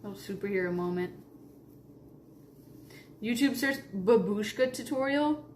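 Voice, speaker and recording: Slow-paced woman livestreamer muttering casually. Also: mid-range voice, a little mellow. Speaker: live streamer. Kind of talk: casual livestream chat, reacting to videos. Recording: faint background room noise.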